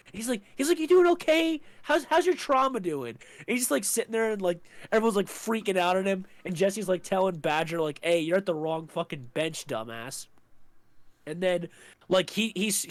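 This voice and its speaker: A man's voice: on the high side, no echo. Young man swearing through a loose recap. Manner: loose and rambling, swears a lot, many fillers. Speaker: podcast co-host. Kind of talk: casual recap chat.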